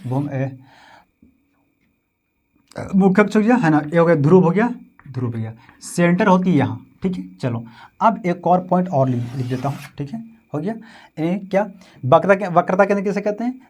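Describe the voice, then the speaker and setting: A man explains physics in a Bihari Hindi accent, using a fairly high, expressive, darkish voice at moderate pace with long pauses. He repeats terms, answers the questions he raises, and checks in with 'समझे?' and 'है ना'.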